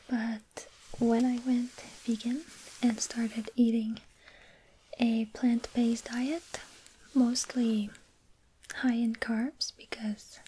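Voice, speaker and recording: A young woman whispering softly and slowly, talking close and intimate in an ASMR video. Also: fairly high pitch, slight background noise, poor audio. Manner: slow, soft, intimate whispering. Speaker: ASMR creator.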